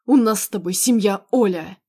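A woman reading an audiobook, voicing a possessive, hot-tempered young man who speaks in a loud, insistent, emotional way. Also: mid-range voice, normal speed, breathy edge, natural voice. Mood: angry pleading.

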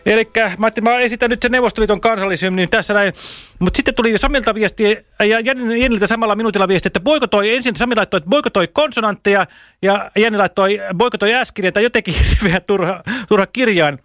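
High-voiced playful male radio host. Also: fairly bright tone, no room sound, clean studio sound. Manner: playful, jokey, reads out listener messages. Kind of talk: casual radio chat.

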